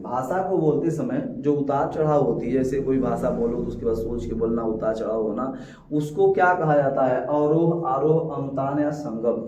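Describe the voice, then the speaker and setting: A man teaching an exam-prep lesson, firing rhetorical questions and repeating each answer. His voice sits a little high but sounds dark and mellow. He is recorded from a distance in a roomy, echoey space, with a dull lo-fi sound. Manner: repetitive, rhetorical questioning of students; addresses listeners as dear friends and sir.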